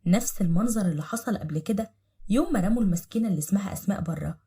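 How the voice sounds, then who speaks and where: A woman with an Egyptian accent narrating a dramatic social story. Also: medium pitch. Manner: quick, expressive storytelling.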